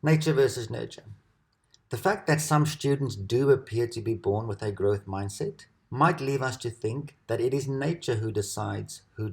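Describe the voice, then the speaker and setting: A man reading a scripted educational narration at a measured, steady pace. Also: mid-range voice, creaky. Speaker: presenter.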